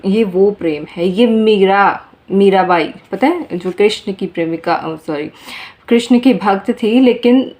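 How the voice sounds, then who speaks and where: A woman's voice: medium pitch, a little mellow. A woman giving a tarot reading to her viewers in a casual, earnest way, often repeating phrases and speaking to them directly. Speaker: tarot reader.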